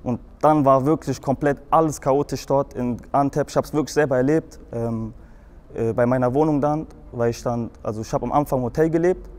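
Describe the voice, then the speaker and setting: Appearing as a guest in a show video, this young Frankfurt man with a slight Hessian accent recounts his own past. He talks briskly in a mid-range, somewhat dark voice with fairly level intonation, wandering through the story with lots of hesitations and false starts.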